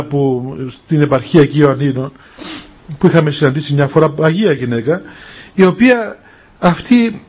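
A man, a monastic elder, giving a spiritual talk and telling stories with acted-out dialogue in an unhurried way. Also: a little high. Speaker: monastic elder answering questions. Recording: dull lo-fi recording.

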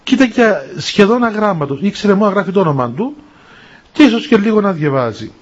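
A man, a monastic elder, giving a spiritual talk and telling stories with acted-out dialogue in an unhurried way. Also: high-pitched, big pitch swings. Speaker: monastic elder answering questions. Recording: dull lo-fi recording.

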